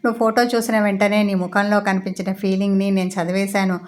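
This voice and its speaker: A woman reading the part of a loving middle-aged mother in a story, gently coaxing and teasing her son. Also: medium pitch, level tone, fairly quick, close to an everyday voice. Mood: tender.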